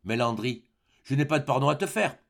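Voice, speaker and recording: A man voicing a gentle, shy young peasant girl who talks softly and coaxingly in an audiobook. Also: mid-range voice, lively intonation, fairly quick, vocal fry. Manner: soft and coaxing.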